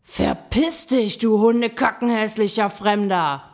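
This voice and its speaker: A woman voicing an enraged forest creature that screams high and strained. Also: a little slow, natural voice. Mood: furious. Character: furious shouting forest creature, the Gram.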